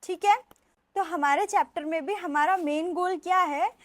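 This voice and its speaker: A woman's voice: extremely high pitch, moderate pace, no room sound. A young woman teaching an exam revision lecture, chatty and playful, mixing into her talk and drilling students in call-and-response.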